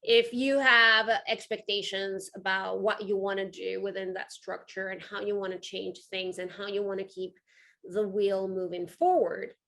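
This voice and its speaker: An art curator and entrepreneur with a Venezuelan accent addresses an audience as a guest speaker, earnest and emphatic in a conversational style. Her medium-pitched voice is gravelly, pushed and bright, with a flat delivery at a moderate pace.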